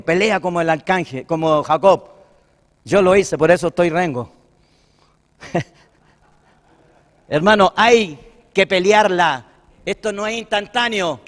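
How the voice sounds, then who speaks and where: A middle-aged Chilean man preaching a sermon to fellow pastors, folksy and impassioned, building to loud declarations and often calling his listeners brother. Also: sits high, in a large hall. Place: church hall at a pastors' breakfast.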